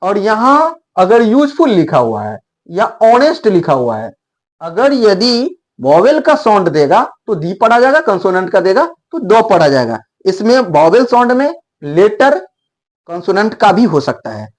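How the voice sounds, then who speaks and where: Guy teaching a grammar lesson, voice goes all up and down, keeps stretching words out slow to show how they're said. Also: high-pitched, sing-song. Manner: repeats and drawls words slowly to demonstrate pronunciation. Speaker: English teacher. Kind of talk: explanatory lesson.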